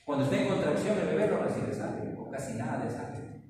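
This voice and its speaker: A man's voice: on the high side, fairly quick, darkish tone, recorded from a distance, a little hiss or hum. A man lecturing a class, quizzing students by name and repeating key answers. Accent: Peruvian Spanish. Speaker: pharmacology lecturer. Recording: roomy classroom echo, recorded from afar.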